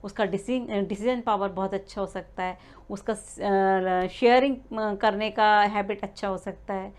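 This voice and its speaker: A woman's voice: mid-range voice, fairly even intonation, a little slow, clean tone. A woman giving a spoken lesson to expecting mothers, explaining step by step with frequent "uh" fillers and small restarts. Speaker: prenatal learning coach.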